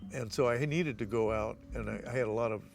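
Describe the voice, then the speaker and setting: A man's voice: on the low side, quick pace, gravelly. An older man telling stories from his past in an interview, rambling and restarting often. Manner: rambling, with many restarts and acted quotes. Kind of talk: anecdotal storytelling.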